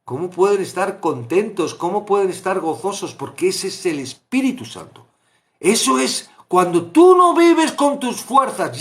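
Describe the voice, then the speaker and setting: Guy preaching a bible study, high-ish voice, swings soft to loud, real lively. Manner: impassioned, swings from hushed to loud. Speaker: Bible teacher.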